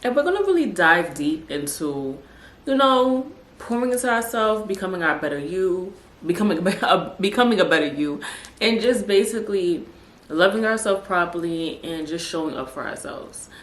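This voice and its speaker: Speaking at a moderate pace, a low-voiced woman from Brooklyn, New York City, hosts a podcast in a relaxed, chatty style, with animated interjections such as "honey" and "child." The room sounds echoey, with faint noise.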